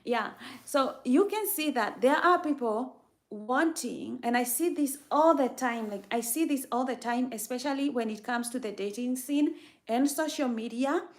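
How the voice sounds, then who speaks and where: A woman's voice: high voice, moderate pace. A woman from Kenya hosting a livestream, giving an emphatic, faith-based motivational talk and repeating her key phrases for effect. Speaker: livestream host.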